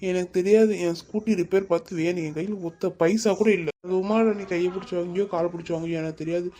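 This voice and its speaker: A woman's voice: on the low side, fairly even intonation, fast, mellow, natural voice. A woman voicing a stern, bossy middle-aged husband in a cartoon, scolding his wife. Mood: angry scolding. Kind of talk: cartoon voice acting.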